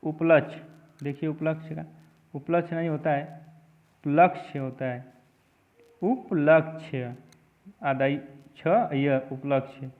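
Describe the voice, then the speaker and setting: A man's voice: a little high, steady tone. A man with a slightly raised voice teaches a spelling lesson, patiently repeating every word and its correct form. The sound is thin and tinny, as if recorded on a phone. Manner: repetitive, drills each word slowly. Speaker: exam prep teacher.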